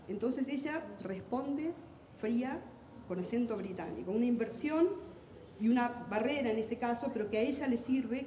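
Fast, intense Argentine woman in an echoey hall. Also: on the high side, warm tone, a little hiss or hum. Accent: Argentine Spanish. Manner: talks fast and intensely, self-deprecating humor. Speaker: literary translator on a panel. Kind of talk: lively public talk at a book fair. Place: large hall at a book fair. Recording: echoey hall with long reverb.

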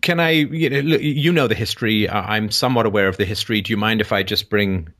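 A man hosting a call-in show, explaining at length in a conversational way, often pausing with ums and restarting phrases. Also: lowish voice, a bit bright. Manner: hesitant, frequent ums and restarts.

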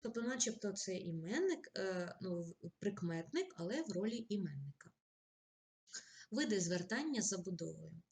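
A woman teacher giving a recorded grammar lesson, explaining rules plainly and reading example lines slowly and with feeling. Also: medium pitch, sing-song, a little mellow. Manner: direct, addresses pupils with polite requests.

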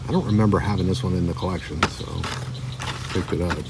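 A middle-aged diecast collector with a low voice shows off his toy car finds in a relaxed, chatty way, reading the card backs aloud. He's at an outdoor table by a lake on a windy day. The camera mic is a bit far from him, and wind rushes behind him.

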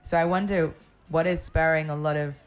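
A woman's voice: low voice, steady tone, fairly quick, clean tone. A young woman hosting a casual podcast conversation in a small radio studio, asking reflective, probing questions. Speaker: podcast host. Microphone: studio mic with headphones.

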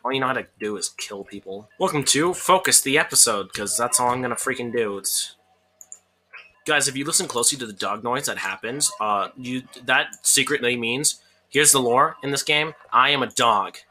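A woman's voice: extremely low pitch, normal speed, bright, forceful tone, slight background noise. A woman doing goofy let's-play commentary on a game, rambling jokes and laughing often. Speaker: gameplay YouTuber.

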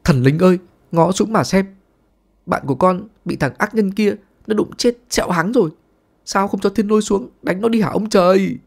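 A man voicing a cheeky scheming young guy, dramatic, raised and loud, story narration. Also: on the high side, lively intonation, very fast, voice pushed up. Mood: mock lament.

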